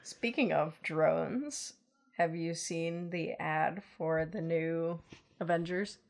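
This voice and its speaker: Woman with a lowish voice joking around on a podcast. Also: slow pace, gravelly. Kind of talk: casual chat.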